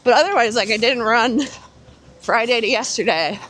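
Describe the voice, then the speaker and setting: An American woman telling stories in a casual, animated chat while she runs outdoors on city streets. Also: on the high side, normal speed. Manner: talking while running. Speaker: host of a running chat. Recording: faint outdoor street noise.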